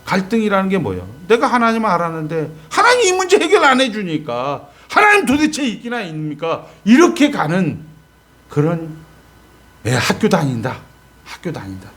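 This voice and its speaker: A male pastor, delivering an animated sermon and prompting the congregation to repeat after him. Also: high-pitched, normal speed.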